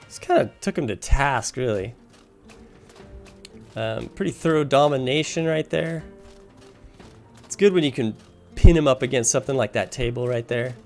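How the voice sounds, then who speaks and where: His voice is mid-range and his speed normal, though he leaves long pauses while casually reasoning aloud about his moves in the game. Music plays in the background of this walkthrough.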